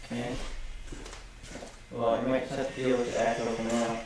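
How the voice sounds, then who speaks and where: Casual male streamer in a garage, heavy doubled echo and a faint hiss, speaking in an even, level tone. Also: normal speed. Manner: rambling, self-correcting, apologetic about the audio. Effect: heavy doubled echo from two microphones at once. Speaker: live streamer with a repair channel. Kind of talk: casual live stream chat. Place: home garage. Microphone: desktop USB condenser mic plus camera mic. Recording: booming echo, distant mic, faint noise.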